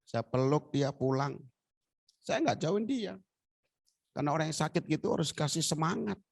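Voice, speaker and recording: A man's voice: normal speed, vocal fry, no echo, clean studio sound. A male pastor preaching in a storytelling sermon, joking and acting out the voices of the people in his story. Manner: animated, jokey storytelling, acts out dialogue in high voices.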